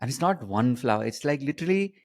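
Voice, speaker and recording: A man hosting a conversational interview, phrasing things in halting, repeated, emphatic bursts. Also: medium pitch, animated. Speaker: host, coaching mentor.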